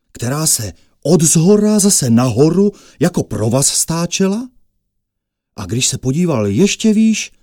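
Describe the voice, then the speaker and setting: A man narrating a fairy tale with lively storytelling that rises with the action. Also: a little high, no room sound, clean studio sound.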